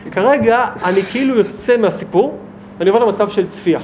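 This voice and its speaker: A rabbi, a man with a notably high voice, teaching a small group. He talks in an animated, emphatic way and keeps putting rhetorical questions to his listeners, with faint noise in the background.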